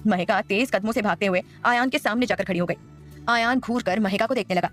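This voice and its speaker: A woman narrating a serialized audio drama in a steady storytelling voice. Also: medium pitch, brisk, faint music behind.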